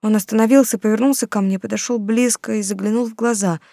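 A woman reading a first-person story aloud in a lively, conversational way. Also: a little high, fast, creaky, dry recording, studio quality. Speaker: audiobook narrator. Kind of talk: first-person audiobook narration.

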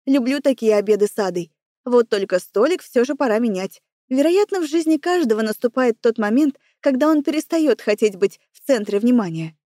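A woman's voice: a little high, expressive, brisk, mellow, no echo. A woman narrating a first-person story in a wry, self-assured way, close to the mic. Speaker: audiobook narrator.

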